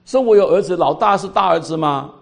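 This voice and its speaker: An older man with a Cantonese accent, telling a story in a sermon, voice swinging between loud and quiet. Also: on the high side, expressive, quick pace, vocal fry. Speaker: pastor.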